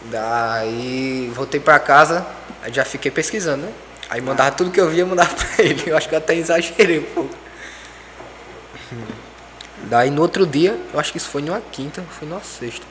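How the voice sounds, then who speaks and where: A young man telling a story in casual chat, animated and acting out quoted dialogue. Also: fairly high pitch, brisk. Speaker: podcast guest. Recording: echoey room with faint background noise.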